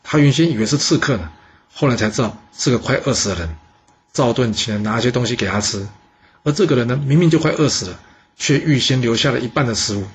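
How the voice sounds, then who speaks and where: Lively male history storyteller. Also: medium pitch, slight background noise. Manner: lively, chatty, drawn-out particles. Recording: dull lo-fi recording.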